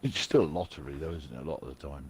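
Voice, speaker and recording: A man's voice: a bass voice, very fast, a little mellow, a little hiss or hum. A man making short, casual interjections in gaming stream banter.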